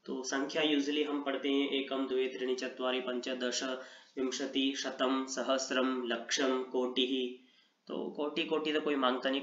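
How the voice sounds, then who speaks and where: A man's voice: mid-range voice, pushed and bright. A man teaching an online lesson, explaining with energy and mixing English words into his explanations. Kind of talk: online Sanskrit lesson in Hindi. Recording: echoey room, dull lo-fi sound.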